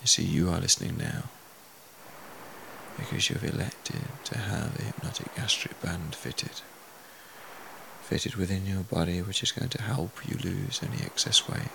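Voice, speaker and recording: A man speaking as a hypnotherapist, leading a guided relaxation in a soothing, deliberate way with hushed phrase endings. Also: low-pitched, big pitch swings, creaky, a little hiss or hum, rough recording.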